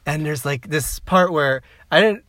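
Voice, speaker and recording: A man's voice: fairly high pitch, unhurried, a bit bright, no room sound. Rambling young man, dry close sound. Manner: rambling, laughs a lot, swears. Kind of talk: casual chat about TV shows.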